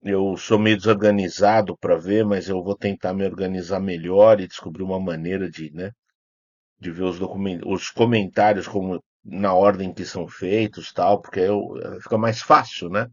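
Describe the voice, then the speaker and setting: In a steady, low-pitched voice at normal speed, a Brazilian film critic responds to comments in a loose, unscripted vlog. He rambles, pauses uncertainly and keeps correcting himself, and the recording is dry and lo-fi.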